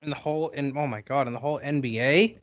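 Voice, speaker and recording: A man co-hosting a podcast, chatting about sports in an easygoing way and quick to chime in. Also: medium pitch, no echo, muffled recording. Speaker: podcast co-host. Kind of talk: casual sports chat.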